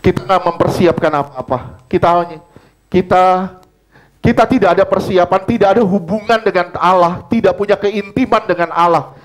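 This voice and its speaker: High-voiced male pastor preaching emphatically. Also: moderate pace, rough recording. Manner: emphatic preaching with heavy repetition of phrases; conversational, personal testimony told to the congregation. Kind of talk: sermon.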